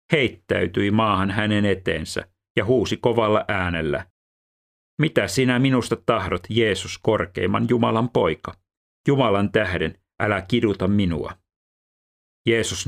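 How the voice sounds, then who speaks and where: Deep gravelly male scripture reader.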